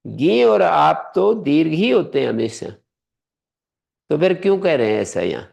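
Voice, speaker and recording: A man with a heavily gravelly, fry-laden voice that sits a little high for a man. He teaches a grammar class and works through the rules patiently, step by step. He keeps quizzing his students and urges them to speak up. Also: big pitch swings, unhurried, a little mellow. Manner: quizzes students, presses them to answer aloud. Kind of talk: classroom lesson.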